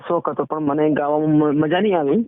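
Over a tinny, narrowband phone line, a Gujarati man from India who sings and owns a band chats informally in an interview. His voice is a little high and steady, his pace brisk, with no room sound.

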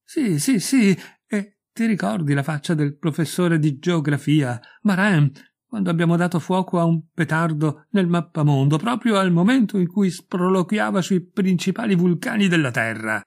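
A man voicing a loud, boastful and crude middle-aged former schoolmate, talking in a hearty, pushy way. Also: on the high side, very animated, normal speed. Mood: boisterous.

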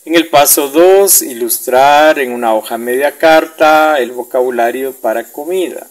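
A man speaks as a teacher, taking his time as he works through a worksheet. He says each new word more than once so learners can copy the sound, in a clear and steady delivery. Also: mid-range voice, a little slow, rough recording. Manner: methodical, repeats words to model pronunciation. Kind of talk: classroom lesson explaining a worksheet.

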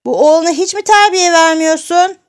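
A woman voicing a hard-of-hearing eighty-year-old great-grandmother who scolds and grumbles in a high, strained voice. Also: moderate pace. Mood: complaining.

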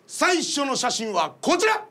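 A man's voice: extremely high pitch, huge pitch swings, measured pace, very noisy. A man hosting a comedy variety show in a studio, narrating each prompt and calling on contestants. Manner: announces prompts and calls on contestants. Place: studio set, indoors. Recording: music loud behind the voice.

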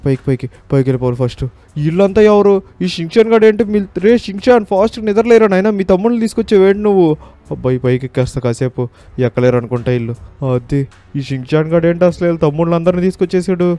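A man voices a jittery uncle who rushes through his lines and breaks into high, yelping panic. The voice is fairly high, with a mellow, dry tone. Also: no room sound, close to an everyday voice. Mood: panicked. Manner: yelps in high-pitched panic. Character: harried grown-up uncle, easily panicked.

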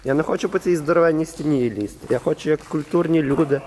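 A man's voice: fairly high pitch, quick pace, a little mellow, a little hiss or hum. A man filming a casual vlog as he explores a large abandoned concrete hall, chatting to a friend as he goes. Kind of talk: casual handheld vlog narration.

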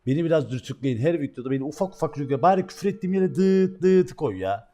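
A young man on a livestream, telling a story in casual chat with a slightly high voice. He swings between loud bursts and muttered asides and swears freely. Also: quick pace. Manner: animated, swearing, shifts between loud outbursts and quiet asides. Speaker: streamer.

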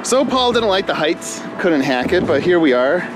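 Easygoing male travel vlogger, 40s, lively, animated delivery, outdoor handheld camera, music bed. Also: high-pitched, moderate pace, rough recording. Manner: chatty, easygoing, exclaims at views. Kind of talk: casual outdoor vlog narration. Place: outdoors on a windy canyon rim and dam bridge. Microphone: action camera held at arm's length.

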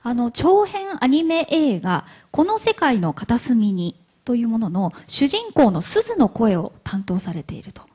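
A woman from Hiroshima hosting a live stage interview, chatty and quick to laugh, with plenty of fillers. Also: a little high, big pitch swings, dark tone, husky. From Hiroshima, Japan. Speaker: event MC and interviewer. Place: event hall stage.

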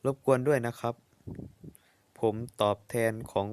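A man voicing a gentle, doting, middle-aged father who speaks softly and politely in a manga comic voice-over dub. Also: measured pace, natural voice. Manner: soft, soothing, polite.

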